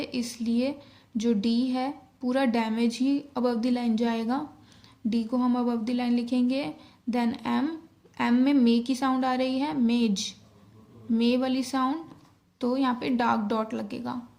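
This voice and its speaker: A woman teaching a shorthand lesson, explaining each step slowly in Hindi with English terms mixed in. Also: fairly high pitch, darkish tone.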